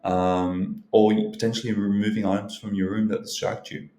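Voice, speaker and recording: A man's voice: fairly low pitch, level tone, moderate pace, dark tone. A man giving casual, unscripted advice as a video host, rambling and hedging with frequent filler phrases. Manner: rambling, hedging, leans on "you know" and "look". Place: indoors, in a library. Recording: roomy, echoing indoor sound.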